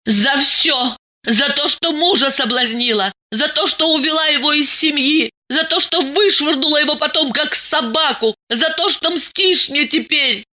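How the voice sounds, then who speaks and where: A woman's voice: high-pitched, moderate pace, sharp tone, pitched above the performer's own voice. A woman reading an audiobook, voicing a furious, jealous woman who shrieks accusations. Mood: hysterical.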